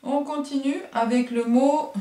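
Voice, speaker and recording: A woman's voice: high voice, steady tone, a little slow, dark tone. A woman kindergarten teacher giving a remote phonics lesson to young children, sounding words out syllable by syllable and encouraging them. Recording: roomy echo.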